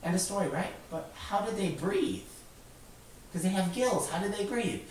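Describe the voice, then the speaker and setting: Children are being taught informally by a man whose voice sits high and whose pace is moderate; he explains plainly and keeps prodding them with repeated questions. It's an easygoing, question-led lesson captured in an echoey room from a distant mic, with faint noise.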